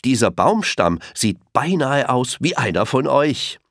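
A man's voice: medium pitch, very animated, unhurried, a bit bright, no room sound, clean studio sound, voice pushed up, heavily acted. A man voicing a friendly, curious patchwork elephant in a children's storybook, eagerly calling out to others.

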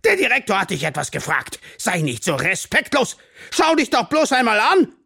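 A man's voice: sing-song, normal speed, a bit bright, no echo, studio quality. A man reading an audiobook, voicing a pompous, bullying male teacher who bellows his lines. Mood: ranting. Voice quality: shrill bellowing.

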